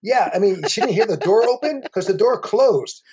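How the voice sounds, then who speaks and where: A man co-hosting a casual movie review chat, rambling and animated, with many restarts. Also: high-pitched, normal speed, crowd noise. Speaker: podcast co-host.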